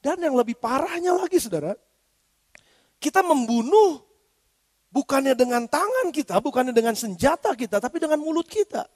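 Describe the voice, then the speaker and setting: High-pitched pastor preaching in a hall. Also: male voice, moderate pace. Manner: lively preaching, acts out quoted speech in slangy Jakarta style. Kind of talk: sermon. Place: church. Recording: reverberant church hall.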